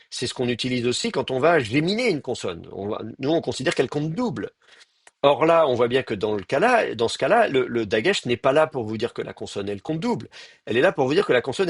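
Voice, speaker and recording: A man's voice: medium pitch, no room sound, clean studio sound. A man teaching a live grammar lecture, thinking aloud with many fillers and restarts and speaking straight to his students. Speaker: Hebrew teacher.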